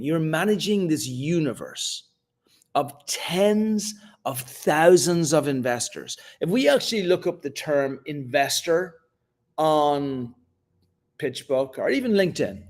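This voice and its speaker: A man moderating a live startup talk, speaking in an energetic, emphatic and casual way, with the odd swear word. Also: on the high side. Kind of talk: motivational live talk to founders.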